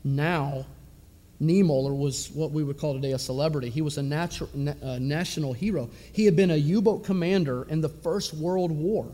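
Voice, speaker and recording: A man preaching with fervor, firing rhetorical questions at his congregation. His voice sits a little high yet sounds dark and mellow. It rings out with a long reverb, as in a large church hall. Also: moderate pace. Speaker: pastor. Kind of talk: sermon.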